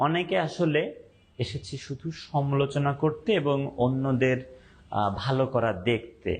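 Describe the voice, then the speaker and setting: A young man teaching an online class, speaking slowly and deliberately, repeating points and quizzing his students. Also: mid-range voice.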